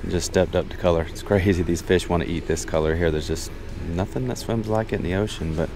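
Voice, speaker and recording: Music plays behind this American man as he talks to his fishing audience, low-pitched and steady at a fairly quick clip, in a folksy, chatty first-person style. He's on an open boat outdoors, filming with an action camera on his body, so outdoor noise comes through.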